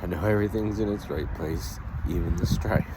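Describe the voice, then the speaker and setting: A man with a low voice talks through snotty crying in a raw, personal vlog. His phrases come out broken and halting, with some swearing. He is outdoors, with clear traffic noise behind him. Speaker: travel vlogger.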